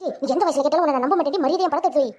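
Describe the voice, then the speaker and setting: A harsh, bossy village moneylender from a Tamil cartoon, voiced by a woman. Her voice sits very high and she fires the words off at a breakneck pace. She speaks with a Tamil accent and scolds relentlessly. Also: racing, darkish tone, lightly acted. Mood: scolding. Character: loud pushy female village moneylender.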